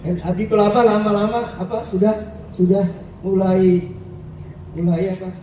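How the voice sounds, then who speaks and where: Brief: high-pitched male preacher questioning kids, recorded from far off in an echoey space with faint background. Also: moderate pace, a little hiss or hum. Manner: lively, asks the children questions, repeats words. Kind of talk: sermon storytelling to schoolchildren. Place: school event.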